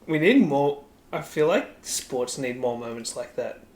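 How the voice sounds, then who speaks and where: A man's voice: medium pitch, darkish tone. An Australian man co-hosting a podcast, chatting casually about sports in a rambling way, laughing often and saying "like" a lot. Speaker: podcast co-host.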